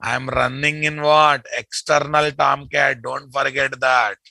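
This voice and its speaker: A man's voice: medium pitch, little pitch movement, measured pace, vocal fry, sharp tone, no room sound. A man with a Telugu Indian accent teaches a live coding class, repeating his phrases and checking in with short tag questions. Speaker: programming instructor. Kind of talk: live coding lesson, addressing students.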